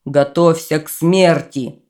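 A woman voicing an angry male dragon, lord of the forest, who threatens in a slow, booming voice. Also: fairly even intonation, a little mellow. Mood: furious.

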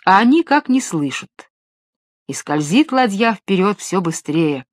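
A woman narrating a fairy tale in a calm, measured storytelling voice. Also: mid-range voice, no room sound, clean studio sound.

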